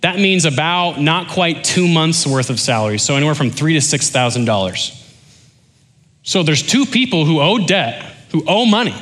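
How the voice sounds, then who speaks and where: A man preaching a sermon, animated and joking with the congregation, then dropping into quiet intensity. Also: fairly high pitch, moderate pace. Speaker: pastor.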